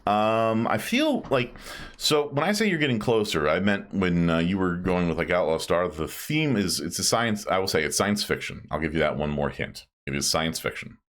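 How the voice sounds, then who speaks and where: Male live streamer, deep register, very varied intonation, loose rambling casual talk. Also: expressive, normal speed, a bit bright. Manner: rambling, self-described grumpy old man.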